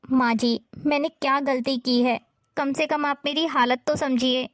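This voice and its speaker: A woman's voice: sits high, fairly even intonation, a little slow, fairly bright tone, dry recording, clean studio sound. A woman playing a meek pleading young daughter-in-law. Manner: pleading, polite. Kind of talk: family drama acting.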